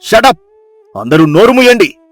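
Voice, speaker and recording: A man voicing a bitter young husband in an animated storybook, shouting his contempt. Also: high-pitched, a little slow, no room sound. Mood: furious. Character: furious bitter young husband, scornful and cruel.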